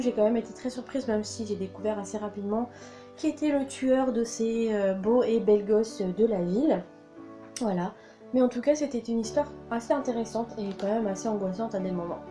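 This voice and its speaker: A young woman runs a casual book haul vlog, showing off her new books with lots of enthusiasm, fillers and repeated words. Her voice is on the high side and fairly quick, with soft music playing behind her.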